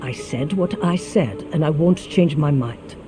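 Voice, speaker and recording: A man's voice: fairly high pitch, measured pace, music in the background, lightly acted. A man voicing a stubborn, curt village arbiter in a video game. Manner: curt, unyielding.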